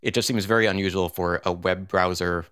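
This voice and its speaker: A man hosting a podcast, asking questions and reading the closing announcements in a measured, explanatory way. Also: deep voice, steady tone, fairly bright tone, clear, resonant tone, no echo, clean studio sound. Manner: measured, explains points at length. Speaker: podcast host. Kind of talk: interview and scripted podcast outro.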